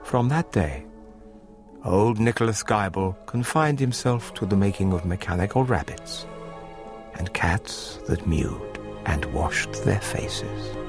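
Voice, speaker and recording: A man narrating a dark story in a measured, suspenseful reading. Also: lowish voice, animated. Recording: music behind.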